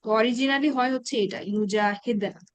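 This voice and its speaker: A woman teaching an Arabic grammar class in an online meeting, reciting verb conjugations slowly and explaining in quick asides. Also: fairly high pitch, no echo. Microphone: online meeting call.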